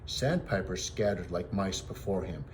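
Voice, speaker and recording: Reading a children's story aloud in a teacherly way, a man with a fairly low voice narrates expressively at a moderate pace. Faint noise can be heard in the recording.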